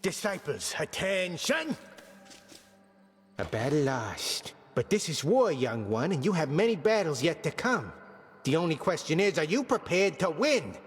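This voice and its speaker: Barking, swooping skeleton commander. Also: male voice, fairly high pitch, big pitch swings, unhurried, husky, exaggerated voice. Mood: stern, rousing. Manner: military, bellowing instructor. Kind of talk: video game character acting. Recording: long reverb, faint music.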